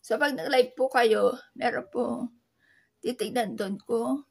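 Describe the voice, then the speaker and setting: A woman from the Philippines chatting casually as an online seller, with a soft voice that sounds like crying, talking haltingly with many fillers. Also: fairly high pitch, breathy edge. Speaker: online seller sharing tips. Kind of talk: casual vlog talk.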